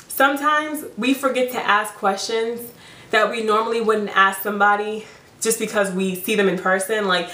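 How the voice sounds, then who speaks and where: A young adult woman giving frank dating advice in a casual vlog, chatty and quick to laugh. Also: mid-range voice, bright, forceful tone. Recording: roomy, distant mic.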